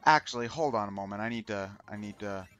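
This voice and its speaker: A man hosting a gaming stream with casual commentary, talking in a rambling, halting way and often correcting himself. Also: on the low side, fairly bright tone, muffled recording. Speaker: host of a charity gaming stream. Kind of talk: casual video game commentary. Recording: game music behind the voice. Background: video game music.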